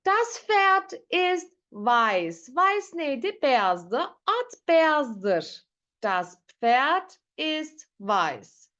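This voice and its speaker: Slow, patient woman teaching a class. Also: high-pitched, sing-song, a bit bright, highs cut off. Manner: patient, repeats words slowly and drills pronunciation. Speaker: German teacher. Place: online class.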